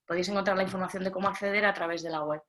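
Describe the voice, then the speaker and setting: A woman's voice: on the low side, fairly even intonation, racing, fairly bright tone. A woman with a Spain accent, hosting an online workshop with an informal spoken introduction. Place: video call.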